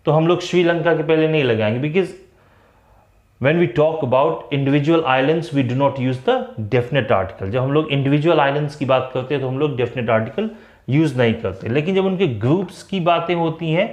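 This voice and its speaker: A man with a Hindi accent teaching English grammar in a classroom-style lecture, mixing Hindi and English and slowing down to spell out the English example phrases. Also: on the high side, a little mellow, dull audio. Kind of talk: classroom lecture for exam students. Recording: echoey room.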